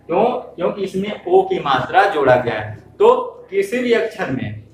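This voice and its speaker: A man teaching a lesson to young children, speaking slowly, repeating himself and asking questions that he answers himself. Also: high voice. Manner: slow, repetitive, asks questions and answers them himself. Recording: echoey room, voice from far off.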